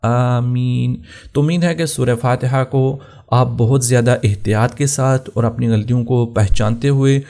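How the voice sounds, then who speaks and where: A man teaching tajweed, explaining plainly and then chanting verses slowly and drawn out. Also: medium pitch, steady tone, gravelly, warm tone. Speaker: Quran recitation teacher. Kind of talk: tajweed lesson with slow chanted recitation.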